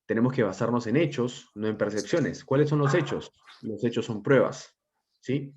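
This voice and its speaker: A man teacher giving an online class lecture, explaining step by step and often checking in with a quick question. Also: medium pitch, darkish tone, a little hiss or hum. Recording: dull lo-fi audio.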